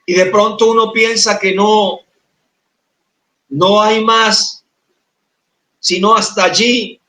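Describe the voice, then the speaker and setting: A man with a Colombian accent, preaching a sermon as pastor and telling an emotional testimony, at times soft and at times shouted. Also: high voice, steady tone, slow. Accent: Colombian Spanish. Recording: roomy, distant mic in church.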